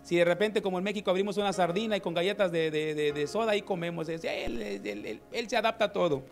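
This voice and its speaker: A man preaching a lively sermon, acting out everyday scenes and calling his listeners brother. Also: high-pitched, quick pace, creaky, faint music behind.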